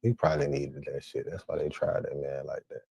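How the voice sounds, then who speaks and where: A man's voice: a bass voice, expressive, brisk, vocal fry, a little mellow, breathy edge, dry recording. A man hosting a reaction stream, speaking in blunt, repetitive slang. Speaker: stream host reacting to clips. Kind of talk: casual reaction commentary.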